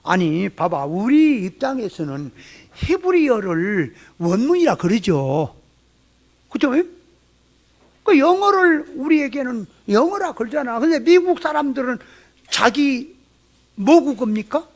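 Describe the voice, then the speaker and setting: A man's voice: extremely high pitch, very animated, measured pace. A pastor with a Jeolla accent preaching a sermon, folksy and full of rhetorical questions to his congregation. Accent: Jeolla Korean. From Jeolla, Korea. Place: church sanctuary.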